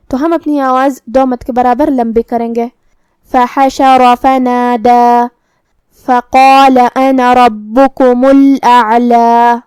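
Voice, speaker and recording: High-voiced woman teaching Quran recitation. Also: a little mellow, no echo, studio quality. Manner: methodical, explains each letter step by step. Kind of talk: tajweed lesson with slow recitation.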